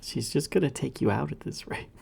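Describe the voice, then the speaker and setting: Very deep, creaky-voiced woman gamer. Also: animated, brisk, darkish tone, whispered. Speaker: tabletop game player. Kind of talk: casual in-game chat.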